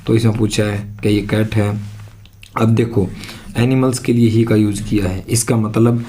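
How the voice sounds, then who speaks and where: A man's voice: on the low side, flat delivery, moderate pace, dark tone, slight background noise. A man teaching an exam-prep English lesson, explaining step by step and repeating his own questions.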